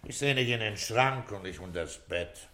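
An actor playing a middle-aged police inspector in a German radio drama, speaking in a calm, coaxing, fatherly and shrewd manner. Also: lowish voice, normal speed.

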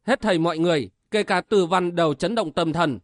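A man's voice: high-pitched, brisk, dry recording, studio quality. A man narrating a martial-arts novel as an audiobook with vivid, dramatic storytelling.

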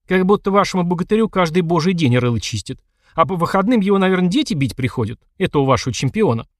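A man's voice: on the high side, sing-song, fast, no echo, clean studio sound, pitched above the performer's own voice. A man voicing a bold, cheeky teenage girl in an audiobook, talking brashly and mockingly.

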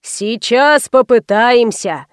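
A woman reading an audiobook voices a fussy, ceremonious old male obstetrician who speaks slowly and formally. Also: on the high side, expressive, clean tone, no room sound, studio quality. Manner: slow, formal and courtly.

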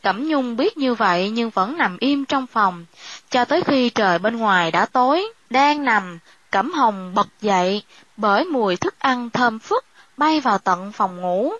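A woman narrating a scripted story in a steady, measured way. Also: a little high, no echo, dull audio.

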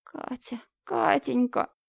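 A woman's voice: high-pitched, a little slow, creaky, no room sound, studio quality, voice pushed up. A woman reading an audiobook, voicing an elderly woman neighbor who speaks through sobs in broken, stammering phrases. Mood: grief-stricken. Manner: sobbing, broken.

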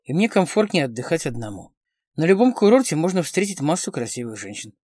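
A man reading the part of a smooth, confident man around forty who speaks in a pleasant baritone, in a dry close recording. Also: sing-song, fairly quick, darkish tone, dry recording. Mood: suave.

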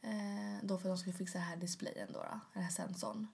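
A woman co-hosting a casual podcast, telling a story with lively energy and acting out what other people said. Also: on the low side, creaky, slightly rough. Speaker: podcast co-host. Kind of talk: casual chat.

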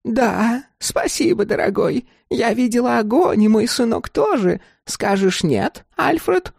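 A man reading a story aloud and voicing a greedy, sharp-tongued old woman who snaps impatiently. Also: lively intonation, measured pace, gravelly, husky, dry recording, studio quality, heavily acted. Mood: sweetly false. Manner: shrill, snapping, impatient.

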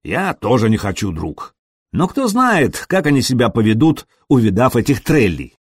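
A stern, commanding Norse warrior chief in an audiobook, curt and authoritative, as a male narrator puts him on. The voice is husky and dry, and it moves lively between high and low. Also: moderate pace, no room sound. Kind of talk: audiobook character voice.

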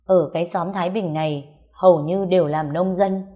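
A woman reads a village story aloud in a calm, tender storytelling manner. Her voice sits a little low for a woman. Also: normal speed. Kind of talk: storybook narration.

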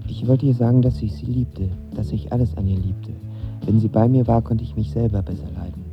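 In an intimate, reflective audio drama, a young adult actor plays a lovestruck, impulsive young man narrating his own romance. His mid-range voice is brisk and lightly acted, with fairly even intonation. The studio sound is dull, with music playing behind him.

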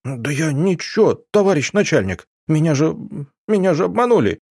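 A man's voice: mid-range voice, lively intonation, moderate pace, a little mellow, slightly rough, no room sound, studio quality. A man voicing a terrified young detainee who pleads for his life, his voice rising in panic. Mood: pleading.

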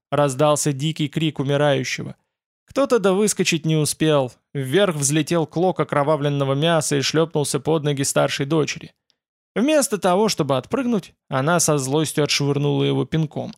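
A man narrating a first-person audiobook in a dry, wry, deadpan manner. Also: fairly high pitch, vocal fry, dry recording.

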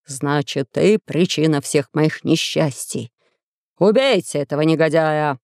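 A storyteller voicing a stern, commanding middle-aged sultan who speaks low, slow and severe, recorded dry and close. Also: male voice, level tone, gravelly, a little mellow, smooth, dry recording.

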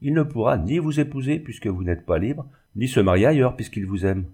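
A man's voice: medium pitch, expressive, fairly quick, warm tone, slightly rough. An older mother, anxious and tender, voiced by a man reading an audiobook, pleading earnestly.

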